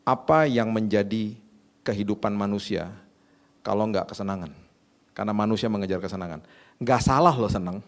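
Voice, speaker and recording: A man preaching a casual sermon, telling stories and acting out conversations in a relaxed, slangy way. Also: lowish voice, a little fast, long pauses. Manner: conversational, tells anecdotes, acts out dialogue; informal Jakarta slang. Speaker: pastor.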